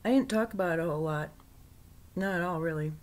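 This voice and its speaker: Low-pitched woman telling her meditation story off the cuff, stops and restarts, slips into whispers a lot. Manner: halting, restarts often, drops into soft whispers; laughs often, excitable in places. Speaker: spiritual author recounting a meditation. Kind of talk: unscripted personal recounting.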